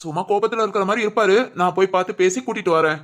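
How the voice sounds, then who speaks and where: A performer voicing an earnest, protective young adult son in an animated family drama, reassuring his mother in quick talk. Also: mid-range voice, lightly acted. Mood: concerned.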